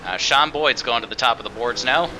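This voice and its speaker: A man's voice: medium pitch, brisk, noisy background. A man hosting casual live sim racing commentary as race commentator.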